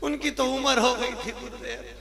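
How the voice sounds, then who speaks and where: A man's voice: very high voice, very animated, moderate pace, gravelly, fairly bright tone, voice pushed up, heavily acted. A man voicing a wailing middle-aged merchant's wife with whiny, mock-mournful pleading, in an echoey hall with music behind.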